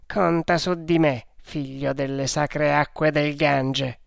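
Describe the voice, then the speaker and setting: A man's voice: on the high side, level tone, takes it slowly, creaky, no room sound, clean studio sound, exaggerated voice. A man voicing a loyal, obedient male servant in an audiobook. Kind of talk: audiobook character reading.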